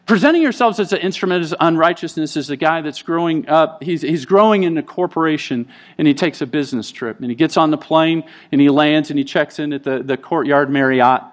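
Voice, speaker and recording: Animated high-voiced male pastor preaching. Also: brisk, hardly any pauses. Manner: animated storytelling, acting out quoted voices. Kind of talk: sermon. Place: church sanctuary.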